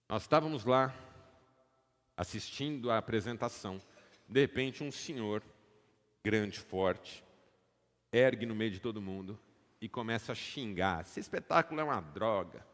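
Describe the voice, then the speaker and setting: A man with a Brazilian Portuguese accent preaching a sermon as pastor, telling stories dramatically and calling on the congregation to respond. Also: fairly low pitch. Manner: dramatic storytelling, rising to loud emphatic peaks; calls for audience responses. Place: church auditorium. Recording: long hall reverb.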